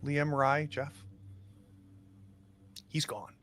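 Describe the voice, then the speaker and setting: A man narrates a tabletop horror session as game master, his voice bright and forward. He keeps the narration measured and hushed. A faint room hum sits underneath. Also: on the high side.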